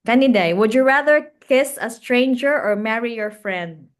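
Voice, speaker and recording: A woman from Cebu, Philippines, with a Cebuano accent co-hosts a podcast, chatting casually in a mix of English and Cebuano and laughing often. Her voice is on the high side, with lively intonation and a slightly slow pace.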